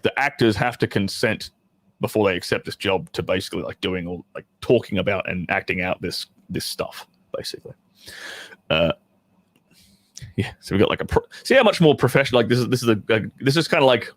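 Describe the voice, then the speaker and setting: With no room sound, a man whose pitch is fairly low talks casually and informally to livestream viewers while reading from a script. He's an adult film actor, thinking aloud as he reads, bantering and swearing mildly now and then.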